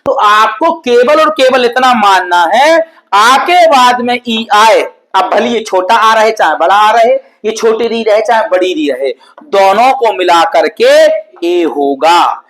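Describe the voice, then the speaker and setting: A man teaching an exam-prep grammar lesson at a board, explaining patiently and repetitively, sounding out example words slowly and often checking in with his students. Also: high voice, a bit bright, rough recording. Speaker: Sanskrit teacher.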